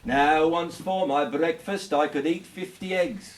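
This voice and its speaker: A man performing a comic song at a folk club party, racing through wordy patter verses and telling jokes with a laugh in his voice. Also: on the high side. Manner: rattles off wordy patter verses at speed between slower sung lines; jokey storytelling, laughing as he goes. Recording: noisy live amateur recording.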